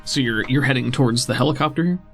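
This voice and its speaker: Over background music, a man running a tabletop RPG narrates scenes conversationally, like telling a story. He speaks quickly at a medium pitch, with a creaky voice.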